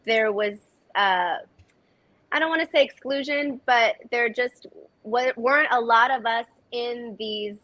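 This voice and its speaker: A woman's voice: medium pitch, fairly bright tone, no room sound, low-quality recording. A woman actress giving earnest, reflective interview answers with frequent restarts. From United States. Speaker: actress, guest.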